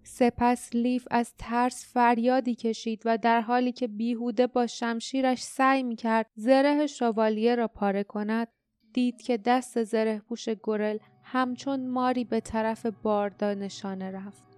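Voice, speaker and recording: A woman narrating a fantasy audiobook in a steady, dramatic storytelling manner. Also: a little high, clean tone, no room sound, faint music behind. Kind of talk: scripted narration.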